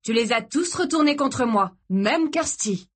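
A woman voicing a volatile, jealous young man who shouts and snarls vulgar threats. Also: medium pitch, measured pace, slightly rough. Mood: furious shouting.

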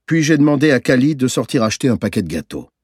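A man narrating a novel in the first person, in a measured, reflective storytelling manner. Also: mid-range voice, very animated, a little mellow, slightly rough, dry recording, studio quality. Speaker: audiobook narrator.

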